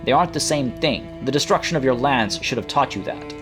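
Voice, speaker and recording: A man's voice: mid-range voice, lively intonation, fairly quick, lightly acted. A man voicing an earnest, righteous young noblewoman leader in a video game, speaking formally. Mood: wounded, accusing. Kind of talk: video game dialogue read aloud. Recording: music playing behind.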